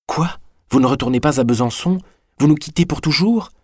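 A man's voice: medium pitch, brisk, slightly rough, dry recording, clean studio sound, voice pushed up, close to an everyday voice. A man reading aloud, voicing a young woman torn between love and shame, with a tearful, pleading delivery. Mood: distressed.

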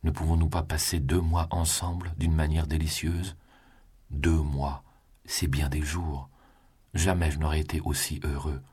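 A man's voice: very deep voice, flat delivery, measured pace, a little mellow, husky, heavily acted. A man doing a lovesick young prisoner. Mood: longing. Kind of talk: audiobook reading of a classic novel.

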